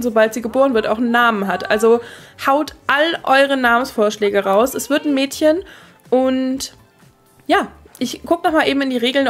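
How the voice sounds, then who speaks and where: A woman hosting a let's play, chatting casually and excitably as she talks to her game characters and her viewers. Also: on the high side. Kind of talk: casual gameplay commentary.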